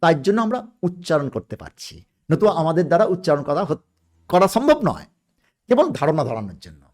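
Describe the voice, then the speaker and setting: This man has a high voice that moves up and down a lot. He talks as a guest on a podcast about spiritual ideas, and he explains things in a measured, patient way, stopping now and then to find the right word. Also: big pitch swings, darkish tone. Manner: measured and explanatory, with searching pauses.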